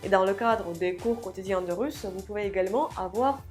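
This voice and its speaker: A woman teaching a language lesson online, explaining grammar step by step and repeating example sentences slowly and deliberately. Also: mid-range voice, darkish tone, faint music behind.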